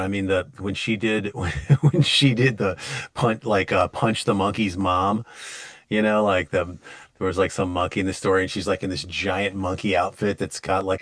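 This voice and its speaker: A man's voice: low voice, a bit bright, dry recording. A man co-hosting a podcast, chatting casually and rambling with many restarts. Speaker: podcast co-host. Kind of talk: casual chat.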